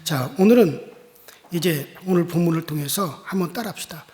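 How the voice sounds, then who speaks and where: A pastor preaching a sermon, emphatic, with rhetorical asides to the congregation. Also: male voice, fairly high pitch, moderate pace, darkish tone. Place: church sanctuary. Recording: long church reverb.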